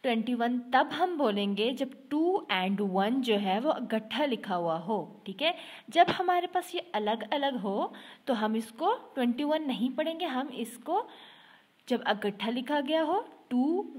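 A woman class teacher giving a slow, patient online lesson to young students, mixing English into her talk and often checking "okay". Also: on the high side, animated, husky. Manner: mixes English with Urdu-Hindi.

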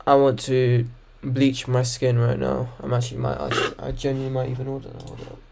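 A young man hosting a reaction video, sounding off in a mid-pitched voice with a relaxed, chatty style delivery. He mocks what he watches and breaks into loud bursts of disbelief. His pitch sits in the middle of the range. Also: brisk, vocal fry, slight background noise. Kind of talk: casual reaction commentary.

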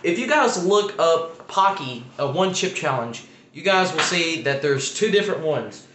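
A man's voice: on the high side, animated, a little slow, fairly bright tone, echoey room, slight background noise. A man hosting a casual vlog, teasing his friend through a spicy chip challenge and often laughing. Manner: teasing, repeatedly asking how he feels, laughing.

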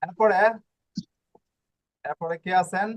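A man's voice: high voice, slow. A man teaching a language class online, explaining step by step and asking himself questions as he goes. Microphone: video call.

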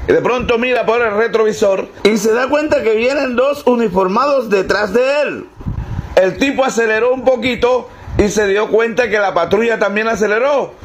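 High-voiced man telling jokes. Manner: animated storyteller who switches into character voices. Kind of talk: spoken joke telling.

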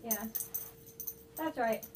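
A woman's voice: fairly high pitch, drawn-out words, a little mellow, faint music behind. A young woman talking from inside a mascot head, chatting casually and giving easygoing instructions with a giggle, recorded at home. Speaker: fursuit maker and channel host. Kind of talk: casual chat. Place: home room, indoors. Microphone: camera set back from speakers. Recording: distant from mic, faint hiss.

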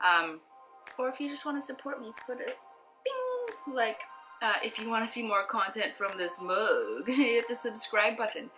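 Young woman, bright voice, chatty, self-mocking, eat-with-me vlog. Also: a little high, animated, normal speed, soft background music, poor audio. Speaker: vegan bodybuilder vlogger. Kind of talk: casual eat-with-me chat.

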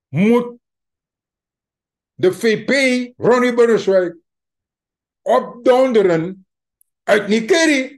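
A man with a Surinamese Dutch accent giving a mocking, emphatic political commentary to his viewers. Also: high-pitched. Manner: slow, mocking, emphatic, addresses viewers as dear friends. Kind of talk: opinion commentary monologue.

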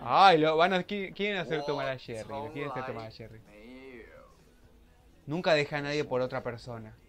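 Fairly high-pitched and a little quick, this Argentine man speaks with a Rioplatense accent as he hosts a reaction video, reading a TV episode's subtitles aloud between gushing exclamations and giggles. The show's audio plays with crowd noise beneath him.

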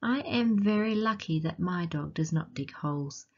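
A woman with an Australian accent reading a picture book aloud to children and asking them gentle, teacherly questions along the way. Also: fairly low pitch, lively intonation, moderate pace, husky, lo-fi sound. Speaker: children's storytime reader.

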